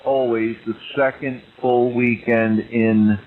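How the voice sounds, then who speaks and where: Over a muffled, very noisy ham radio signal, an amateur radio operator chats casually on air. His mid-range voice is slow and delivered flatly.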